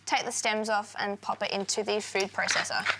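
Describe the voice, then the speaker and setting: A woman's voice: medium pitch, flat delivery, a little fast, creaky, pushed and bright, a little hiss or hum. Upbeat young woman cooking. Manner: upbeat, chatty, explains steps plainly. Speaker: guest cook, former cooking contestant. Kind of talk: casual cooking demonstration. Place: studio kitchen.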